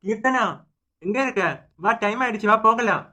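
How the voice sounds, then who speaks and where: A man's voice: high voice, moderate pace, bright, forceful tone. A man voicing a panicky, whiny husband who is a doctor, speaking with a Kanyakumari Tamil accent in a cartoon. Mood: impatient. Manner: wailing, complaining.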